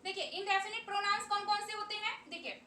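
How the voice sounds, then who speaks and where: A woman's voice: extremely high pitch, steady tone, quick pace, bright, forceful tone, a little hiss or hum. Indian woman teacher drilling word lists. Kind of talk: classroom grammar lesson. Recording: echoey room, mic far off.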